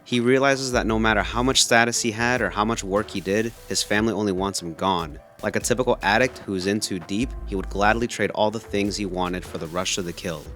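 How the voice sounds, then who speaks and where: A man's voice: fairly low pitch, a little fast, hardly any pauses, a bit bright. A man reading scripted narration as a video essayist.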